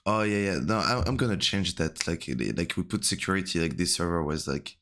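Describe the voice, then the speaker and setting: Casting: man, deep and gravelly, just woke up, soft rambling coaching talk, close mic. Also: brisk. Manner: soft-spoken and rambling, many fillers. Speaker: game coach. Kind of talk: casual coaching call. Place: home room at night.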